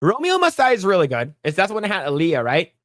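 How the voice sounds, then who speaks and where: Speaking quickly in a high-pitched voice, a livestream host goes solo and casual, cursing freely as he riffs on films and responds to chat. He's animated and profane, and the recording is dry and studio quality.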